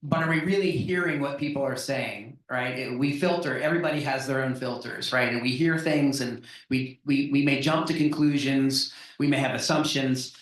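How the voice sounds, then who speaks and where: A man's voice: mid-range voice, moderate pace. A man hosting an online talk, speaking conversationally with many "right?" tags and restarts before opening the floor to questions. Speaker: host and moderator. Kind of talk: webinar talk and Q&A moderation. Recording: very echoey room, distant from mic.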